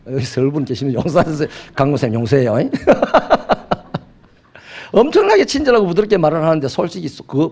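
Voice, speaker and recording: A middle-aged male pastor, preaching a sermon with animated storytelling. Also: on the high side, vocal fry, husky. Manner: animated storytelling with acted quotes.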